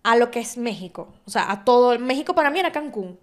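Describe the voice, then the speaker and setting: A woman's voice: on the high side, animated, fast talker. A young Venezuelan woman with a Venezuelan accent, hosting a casual podcast chat and telling stories with slangy, laughing asides. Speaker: podcast host.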